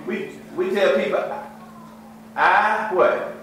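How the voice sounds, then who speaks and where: A man with a drawl leads a church Bible study, his voice rising and falling with lively swings. He reads scripture slowly and tosses questions to the class, and his voice rings through an echoey church room. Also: high voice, slight background noise.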